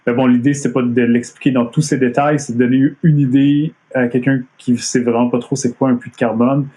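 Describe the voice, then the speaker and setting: Montreal French man presenting from home, mid-pitched, casual, lots of hesitations. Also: little pitch movement, fairly quick, warm tone. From Quebec. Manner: hesitant, many fillers and restarts. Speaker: comic artist giving a talk. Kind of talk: casual live-streamed presentation. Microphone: computer mic on a video stream.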